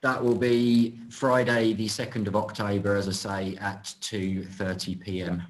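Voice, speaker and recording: A man with an English accent, a meeting officer giving measured, factual procedural answers. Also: fairly low pitch, little pitch movement, a little hiss or hum, low-quality recording. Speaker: panel officer. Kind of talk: procedural explanation.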